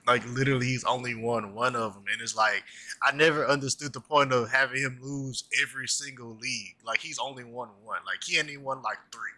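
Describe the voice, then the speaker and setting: A man in his twenties chats casually about cartoons, animated and rambling with plenty of "like" and other filler words. His medium-pitched voice moves fairly quickly. There's no echo.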